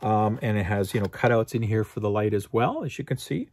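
A man's voice: fairly low pitch, expressive, brisk, a little mellow, slight background noise. A man hosting his own show, casually reviewing car accessories in an easygoing way, with lots of uh and um fillers. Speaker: host.

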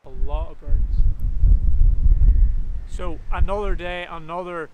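A man talking his way through a photo shoot outdoors, loose and rambling, with plenty of ums and restarts. His voice sits slightly high for a man, with a faint hiss of outdoor noise behind it. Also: takes it slowly. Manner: relaxed, rambling, lots of fillers and restarts. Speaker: photographer and vlogger. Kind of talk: casual commentary while shooting photos. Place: outdoors at an abandoned building in the countryside.

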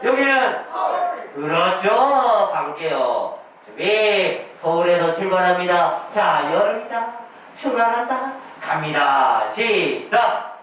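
Man leading a group clapping game, high voice, chanting calls, playful teasing, noisy distant recording. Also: very animated, slow pace, fairly bright tone. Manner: rhythmic chanted call-outs, playful teasing. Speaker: senior recreation instructor. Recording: very echoey room, far from the mic, noisy.

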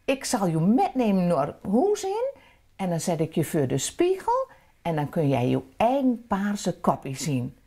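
A woman with a Drents accent voicing a kind, amused gnome mother who speaks in a warm, motherly way. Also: lowish voice, wildly swooping pitch, unhurried, heavily acted.

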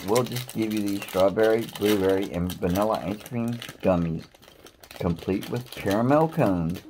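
A man chats his way through a box of snacks, joking with his co-host and reading product blurbs aloud. His pitch swings animatedly as he talks. A faint background hiss runs under the recording. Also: dark tone. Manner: teasing, playful, reads product blurbs aloud. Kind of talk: casual snack-tasting chat.

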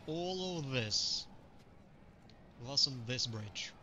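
A man's voice: medium pitch, extremely slow, muffled recording, a little hiss or hum. A man streaming a strategy game, chatting casually with viewers as he plays. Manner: relaxed, chatty, greets viewers. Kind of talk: live gaming commentary.

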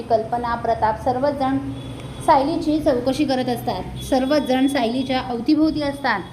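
A woman narrating a recap of a TV serial episode in a plain, steady storytelling manner. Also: high voice, echoey room, slight background noise, poor audio. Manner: plain, steady retelling with many "now"s.

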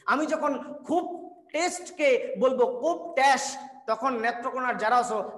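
A man teaching an admission coaching class online, joking and teasing students by name as he reads their questions, and mixing English words into his talk. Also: extremely high pitch. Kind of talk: online lecture with live chat questions. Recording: echoey room with long reverb.

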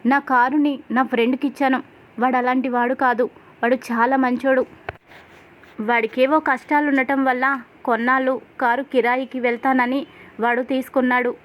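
A woman's voice: high voice, natural voice. A woman reading the lines of a loyal, hot-tempered young husband in a retold serial story.

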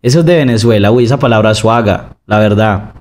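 A man's voice: on the low side, fairly quick, a little mellow. Joking streamer guy. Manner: crude, joking, slangy. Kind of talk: casual stream chat answering viewers.

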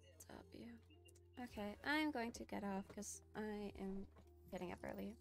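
A woman's voice: mid-range voice, normal speed, creaky, faint music behind. A woman in her twenties chatting casually on a gaming livestream, upbeat and encouraging. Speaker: game streamer. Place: small bedroom streaming setup. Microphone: microphone on boom arm.

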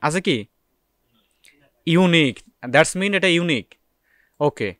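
A man's voice: sits high, fairly bright tone, no room sound, clean studio sound. A man teaching a screen-recorded data entry tutorial, explaining step by step and answering his own questions.

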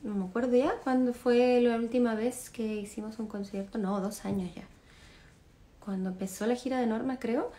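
A woman in her thirties chatting casually with fans on a phone livestream from her living room, relaxed and chatty, laughing often and trailing off with fillers. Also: medium pitch, creaky, slight background noise. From Chile. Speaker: singer answering fans on a livestream. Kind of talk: casual chat reading comments. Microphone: phone camera at arm's length.

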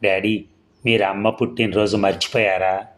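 A man's voice: lowish voice, fairly even intonation, moderate pace, a bit bright, natural voice. A man voicing a young girl who grieves for her mother, in a plaintive tone. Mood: tearful.

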